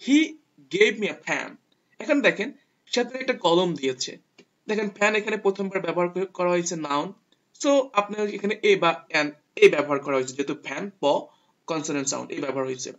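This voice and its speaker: Male tutor, higher voice, patient, repeats each rule; dull lo-fi recording. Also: normal speed, fairly bright tone. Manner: patient, repeats rules step by step. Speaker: English teacher. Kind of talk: explaining grammar to viewers. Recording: dull lo-fi sound.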